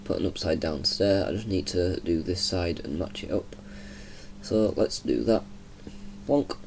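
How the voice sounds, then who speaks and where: A young man with a broad Yorkshire accent chats loosely as he plays, rambling and laughing softly now and then. His voice sits a little low and sounds warm and mellow. A faint hiss runs under the recording. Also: measured pace, gravelly. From Yorkshire, England. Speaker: gaming channel host. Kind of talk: casual gameplay commentary.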